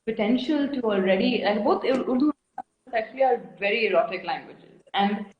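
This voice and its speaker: A woman from India in her thirties speaks a little high and fairly quickly, the audio sounding dull in an echoey room. She's a guest artist on a video call, chatting frankly and at length in a casual interview and laughing often.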